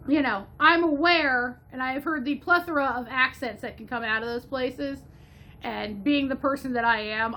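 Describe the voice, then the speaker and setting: A woman's voice: high-pitched, pushed and bright, slight background noise. A woman from Ohio giving a chatty, gushing movie review, slipping now and then into a playful mock Southern drawl. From Northwest Ohio, USA.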